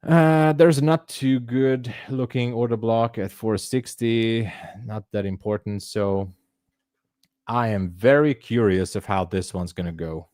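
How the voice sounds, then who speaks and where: A man's voice: medium pitch, a little slow, darkish tone, no echo, clean studio sound. A man from Hungary hosting a live trading stream, chatting casually, laughing often and thinking aloud. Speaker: livestream trading host.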